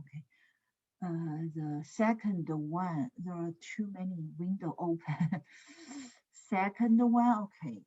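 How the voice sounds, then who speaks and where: A woman lecturing in an online class, heard through a screen recording. She talks slowly, often checks "is it?" and fills gaps with "uh". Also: lowish voice, lo-fi sound. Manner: slow, with frequent "is it?" checks and "uh" fillers. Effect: screen-recorded online lecture audio. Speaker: computer science lecturer. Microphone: computer mic on a video call.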